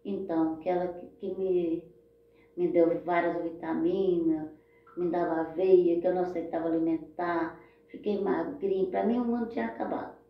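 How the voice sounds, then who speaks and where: A woman with a Brazilian Portuguese accent telling a personal story in a heartfelt way, often turning to her listeners. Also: on the low side. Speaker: storyteller sharing her life. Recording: very echoey, dull lo-fi sound.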